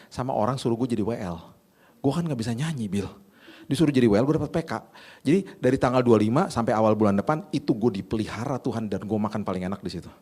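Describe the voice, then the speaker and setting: A man preaching a casual sermon, telling stories and acting out conversations in a relaxed, slangy way. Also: fairly low pitch. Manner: conversational, tells anecdotes, acts out dialogue; informal Jakarta slang. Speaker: pastor.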